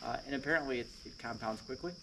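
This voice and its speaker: A chatty man giving a plainspoken basement tour for his own channel, voice sitting in a middle range. His talk is relaxed and full of small "uh" fillers. Faint noise and crickets hang behind him. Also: mid-range voice, fast, creaky. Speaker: woodworking channel host. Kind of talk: casual walkthrough vlog. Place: basement under a lifted house.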